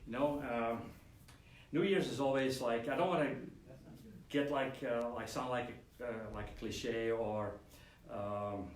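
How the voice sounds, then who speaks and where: Unhurried and medium-pitched, a man hosts a relaxed weekly live stream on model kits, rambling with many fillers and restarts. Because he's away from the mic, the recording sounds roomy and echoey, with a faint hum.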